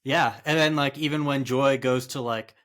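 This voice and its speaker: A man's voice: mid-range voice, steady tone, normal speed, a bit bright, a little hiss or hum. A middle-aged man co-hosting a podcast, recapping a film in a rambling way full of likes. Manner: laughs often, rambling with many likes. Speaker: podcast co-host. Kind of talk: casual podcast chat.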